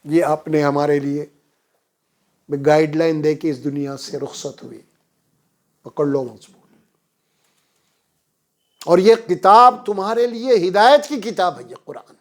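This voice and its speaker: A man with a notably high voice delivers a Quran lesson sermon. He chants Arabic verses and then explains them, pushing his voice up with fervent emphasis. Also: pauses often. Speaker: preacher.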